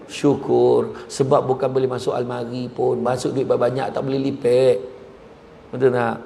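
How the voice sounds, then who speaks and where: A man's voice: mid-range voice, moderate pace, vocal fry, slight background noise. A man giving a comic motivational talk to an audience in a large hall, joking and acting out characters. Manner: joking, animated, acts out characters. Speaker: motivational speaker.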